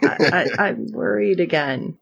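A woman's voice: fairly low pitch, animated, slow pace, gravelly. A woman co-hosting a podcast, recapping a TV episode in casual chat and acting out her own reactions. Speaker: podcast co-host.

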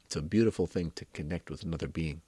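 Deep-voiced man, gentle wellness talk. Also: fast talker, slightly rough, dry recording. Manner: gentle, affirming, frequent "right?" tags. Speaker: wellness coach. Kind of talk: reflective monologue.

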